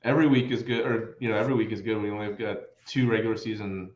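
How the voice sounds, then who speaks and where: A laid-back man talking casually on a livestream, his fairly low voice ringing with a hollow echo like a big empty room. The sound is dull and muffled, as if picked up by a far-off webcam mic. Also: steady tone, very fast, darkish tone. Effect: echoey, hollow-sounding mic.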